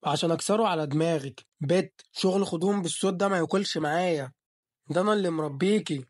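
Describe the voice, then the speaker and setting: Casual: guy doing a jealous egyptian husband in an audio story, gruff, threatening, fast talker. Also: a little high, no room sound, clean studio sound, lightly acted. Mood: angry. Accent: Egyptian Arabic. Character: bossy jealous young husband.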